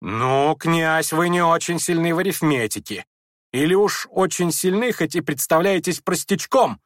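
Чтец в роли язвительного молодого человека: насмешливо, со злобой. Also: male voice, a little high, animated, normal speed, no echo, studio quality, close to an everyday voice. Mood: mocking. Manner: sneering. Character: mocking, spiteful young man. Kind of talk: audiobook character voice.

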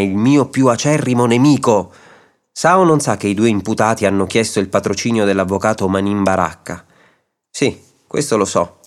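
A man's voice: on the low side, close to an everyday voice. A man playing a stubborn, indignant jinx. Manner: stubborn, insistent. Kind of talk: radio reading of a short story.

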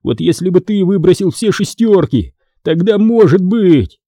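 A man's voice: high-pitched, expressive, unhurried, dark tone, no echo, clean studio sound, pitched above the performer's own voice, heavily acted. A man voicing a panicky young boy who mutters and snaps at his friends in a storybook reading. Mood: sulky. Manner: stammering, snapping.

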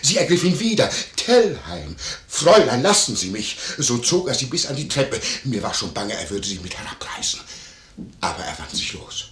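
A man's voice: medium pitch, sing-song, fairly quick, a bit bright. An actor playing a fawning, nosy innkeeper in a classic radio play, wheedling and chuckling as he tells his tale. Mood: agitated retelling. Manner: wheedling, chuckling, theatrical storytelling. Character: fawning nosy male innkeeper, curious and greedy. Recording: roomy studio echo.

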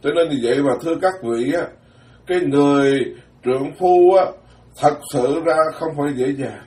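A Buddhist monk gives a dharma talk in a blunt, plain-spoken manner, his voice on the high side and mellow. He swings between quick asides and slow, weighty phrases, recorded on a distant mic in a roomy space.

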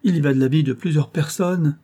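A man's voice: mid-range voice, normal speed, mellow, breathy edge, lightly acted. A man voicing a terrified young female servant who pleads and sobs in broken outcries, reading a classic novel aloud. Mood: panicked. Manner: sobbing, beseeching, breathless outcries.

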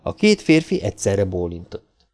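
A man reading an audiobook, narrating in a low, steady storytelling voice. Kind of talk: scripted narration.

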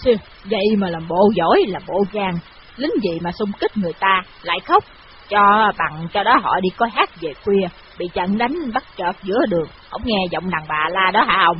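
A man's voice: high-pitched, expressive, moderate pace, a little hiss or hum, voice pushed up. A man voicing a plump, fretful old woman who nags and scolds in a querulous way, on a dull lo-fi recording. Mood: scolding.

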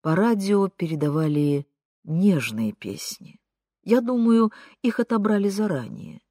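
Woman audiobook narrator, lively ironic reading, very dry close sound. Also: medium pitch, unhurried, no echo. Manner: expressive, ironic storytelling. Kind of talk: first-person literary narration.

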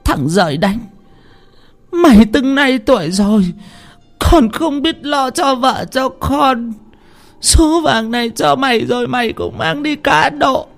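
Shrill, scolding old crone for a spoken ghost story, pitch way up high and cracking. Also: male voice, animated, unhurried, soft background music, heavily acted. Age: older. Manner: shrieking, scolding.

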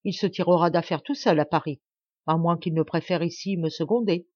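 A woman's voice: lowish voice, steady tone, a little fast, darkish tone, husky, no echo. A woman voicing a proud, wounded middle-aged man who talks with vehement defiance. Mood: defiant. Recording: dull, dry home recording.

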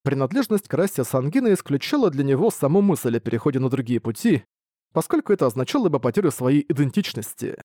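A man narrating a fantasy audiobook in a steady, even reading voice. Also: mid-range voice, fast, dry recording, studio quality.

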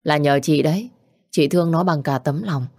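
Kind middle-aged mother, gentle and earnest, mellow tone, read by a woman. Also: deep voice, moderate pace, dry recording, studio quality. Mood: fond.

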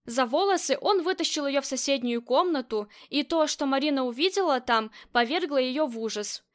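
A woman narrating a crime audiobook with steady, tense storytelling. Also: sits high, moderate pace.

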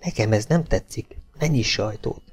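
A man's voice: fairly low pitch, a little mellow, breathy edge. A man reading as a wary British officer.

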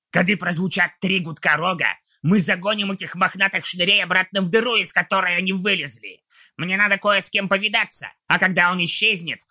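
A man voicing a cruel, short-tempered goblin warlord who barks and rants orders in a shrill, gravelly voice. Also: bright, forceful tone, exaggerated voice. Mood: scheming. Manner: barking, ranting orders.

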